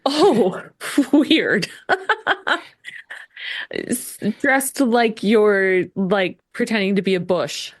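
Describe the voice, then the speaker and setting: A woman co-hosting a podcast, reacting in casual chat with short, unhurried remarks. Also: medium pitch, animated. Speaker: podcast co-host.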